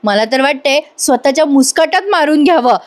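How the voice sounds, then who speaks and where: A woman's voice: sits high, brisk, natural voice. A woman reading the lines of an anxious, apologetic young husband in a voice-over retelling of a soap episode. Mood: remorseful.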